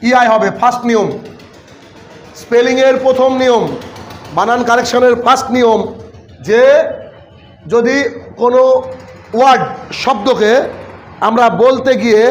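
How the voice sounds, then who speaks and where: উঁচু গলার বাংলাদেশি শিক্ষক, প্রশ্ন করে বোঝান. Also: male voice, extremely high pitch. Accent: Bangladeshi Bengali. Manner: repetitive, quizzing students with quick questions. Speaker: English teacher. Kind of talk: classroom spelling lesson.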